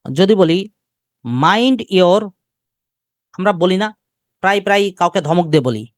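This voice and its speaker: A male teacher with a Bangladeshi Bengali accent gives a live grammar lecture. He keeps asking the class questions and repeats key terms slowly. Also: high-pitched, lively intonation, no echo, studio quality.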